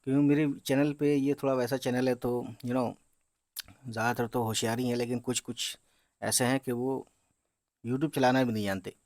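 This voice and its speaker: A man of middle pitch teaches a beginners' reading lesson, sounding out each letter and vowel mark slowly. He keeps checking in with his listeners. The sound is dry and close. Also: flat delivery, darkish tone, no echo. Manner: explains patiently, often checking with "है ना?" and "ठीक है?"; drawls sounds out slowly while spelling.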